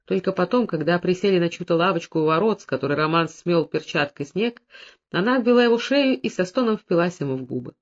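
A narrator reading a novel aloud in a steady storytelling manner. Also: medium pitch, quick pace. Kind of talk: scripted audiobook narration. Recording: dull lo-fi recording.

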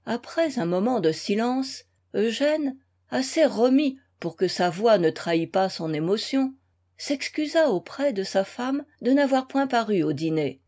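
A woman narrating a classic novel in a measured, unhurried reading voice. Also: fairly high pitch, animated, darkish tone. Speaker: audiobook reader.

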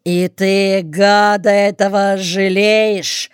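Lady doing a grim worn-out captain, short clipped orders, slow and low. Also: flat delivery, clear, resonant tone, no echo, studio quality. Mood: barking. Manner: curt orders, quiet then barking. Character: grim, exhausted male army captain.

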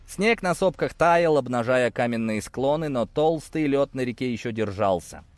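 Male narrator, lively intonation, dry close recording, storytelling. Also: normal speed, dry recording, faint music behind. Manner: lively, shifts pitch for dialogue. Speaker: audiobook narrator. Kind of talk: expressive audiobook narration.

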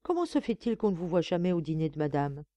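A woman's voice: on the low side, sing-song, fast talker, warm tone, no echo, dull audio. A woman voicing a coy young chambermaid. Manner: coy, feigned shock, light and pleading.

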